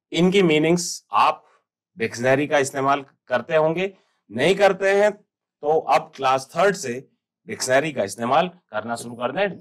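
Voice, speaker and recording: A man teaching a school English lesson, explaining in Hindi, spelling words out letter by letter and repeating them slowly. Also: medium pitch.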